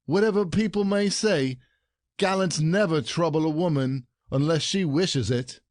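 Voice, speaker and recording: In a classic stage comedy audio play, a man acts an indignant husband who scolds in formal phrasing, proud, jealous and sarcastic. His voice sits fairly high with a darkish tone, is unhurried and close to everyday speech, and is recorded dry and close with no echo.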